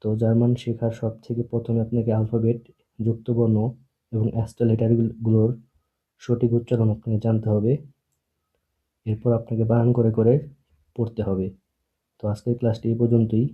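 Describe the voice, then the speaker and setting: A man teaching a beginner German class, slowly and patiently repeating each sound for his students to practice. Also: lowish voice, monotone. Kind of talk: online language lesson. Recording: husky voice over a tinny phone-like line.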